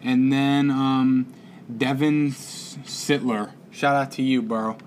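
A man in an easygoing sports chat, loose and rambling, packing his talk with fillers and quick laughs. His pitch sits in the middle range for a man. A faint hiss of background noise runs under the voice. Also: flat delivery. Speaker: podcast co-host.

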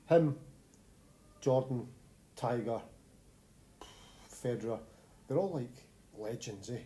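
A man's voice: medium pitch, animated, slow pace, dark tone. A man with a Scottish accent co-hosting a podcast in a casual, bantering chat about sport. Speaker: podcast co-host.

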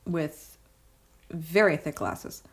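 Brief: woman podcast co-host, slightly low voice, talkative, filler-heavy, keeps asking "right?". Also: sing-song, very slow, creaky. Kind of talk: casual film discussion chat.

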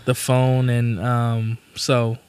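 A man of about thirty talks as a podcast guest, earnest and a little halting, reaching for words with frequent "um"s. His middle-pitched voice comes across dry and close, with no room sound. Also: monotone, darkish tone, clear, resonant tone, dry recording. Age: 30s. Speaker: guest, coffee business owner. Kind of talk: casual interview chat.

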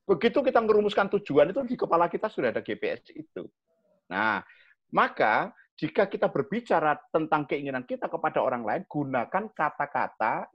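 A man with a Javanese accent talks to young people in a relaxed, lively way. His voice is fairly high and swings widely as he acts out little scenes. The recording sounds dull and lo-fi. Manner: animated, acts out examples with sharp raised-voice quotes. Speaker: communication coach. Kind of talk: explaining to young people in a chat.

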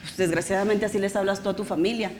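A woman's voice: mid-range voice, fairly even intonation, fast, a little hiss or hum. Impassioned woman pastor preaching. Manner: impassioned preaching with acted-out quotes of shouting parents. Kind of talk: sermon.

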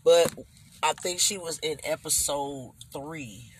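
A middle-aged man hosting a casual podcast chat, animated, who keeps checking that listeners follow him. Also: fairly high pitch, slow pace, a little hiss or hum. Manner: animated, keeps asking "you understand?". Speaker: podcast host.

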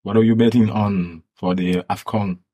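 A man's voice: fairly low pitch, fairly even intonation, moderate pace, warm tone. A man whose first language is French, hosting a podcast interview in English in a friendly way, often repeating words. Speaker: podcast host.

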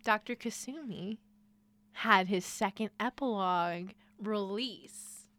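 A young woman co-hosting a casual podcast chat, loud and animated, swearing freely. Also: medium pitch, slow pace, no echo. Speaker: podcast co-host.

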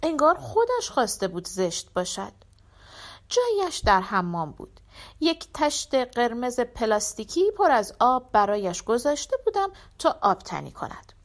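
A woman reads a first-person short story aloud with a reflective, expressive touch. Her voice sits a bit high and moves through lively rises and falls of pitch as she narrates. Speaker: audiobook narrator.

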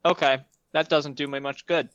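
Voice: medium pitch, steady tone, normal speed, fairly bright tone, no echo, muffled recording. A player at a tabletop game who is new to the game and talks in a dry, sarcastic way. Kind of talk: casual tabletop play.

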